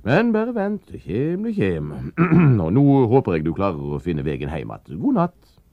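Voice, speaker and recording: A man's voice: fairly low pitch, huge pitch swings, dry recording, narrow, tinny audio, voice pushed up. A man voicing an eccentric, suspicious male detective in a storybook reading, with a hammy, exclaiming delivery. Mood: grumpy.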